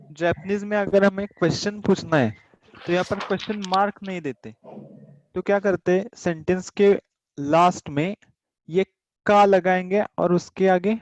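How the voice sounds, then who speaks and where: Slow, high-voiced man teaching a class. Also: no room sound. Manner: patient, repeats each word and explains it in two languages. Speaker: language teacher. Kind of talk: online class. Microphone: video call. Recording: dull video-call audio.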